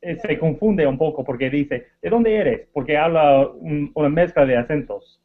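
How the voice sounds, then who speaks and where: A man's voice: fairly high pitch, moderate pace, narrow, tinny audio. A man practicing Spanish as a student, speaking carefully in non-native Spanish with small slips. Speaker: language student. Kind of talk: conversational practice.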